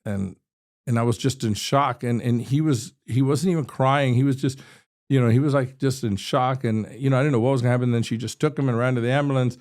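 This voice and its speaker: A man's voice: medium pitch, fairly even intonation, fairly quick, darkish tone. A man in his sixties from Texas, a state representative telling a personal story as a podcast guest, earnest and vivid, often restarting his sentences.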